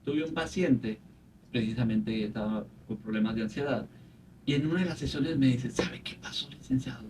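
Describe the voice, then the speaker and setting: Guy psychologist explaining calmly, a bit far from the mic, faint hiss. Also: medium pitch, moderate pace. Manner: calm, explanatory, retells patients' words. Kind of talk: conversational explanation on a podcast. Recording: faint noise, distant from mic.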